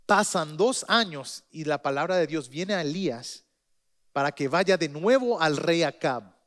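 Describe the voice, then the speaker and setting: A male pastor preaching a sermon, retelling a story in a lively way with joking asides. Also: on the high side, a little slow.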